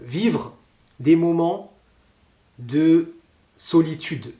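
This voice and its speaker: A man with a French accent teaching pronunciation, talking slowly and deliberately with many hesitations. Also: on the high side, mellow, roomy sound. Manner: slow, deliberate, with frequent hesitations.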